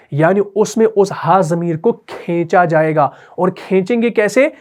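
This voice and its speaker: Patient male Urdu tajweed teacher. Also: sits high. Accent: Pakistani Urdu. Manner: patient, repeats key rules and checks understanding with questions. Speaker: Quran recitation teacher. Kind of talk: tajweed lesson explained while writing on a board.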